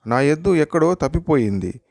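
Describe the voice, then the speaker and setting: A man's voice: a little high, lively intonation, brisk, darkish tone, no echo, clean studio sound. A man voicing a lost ten-year-old boy in a joke, without changing his voice. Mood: plaintive.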